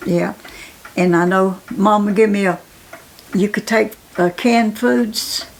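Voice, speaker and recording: A woman in her nineties from Appalachia with a Southern Appalachian accent and an aged, gravelly voice, reminiscing casually in a halting, plain-spoken, repetitive way. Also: mid-range voice, steady tone, low-quality recording. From Appalachia, United States. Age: 90s. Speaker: interviewee.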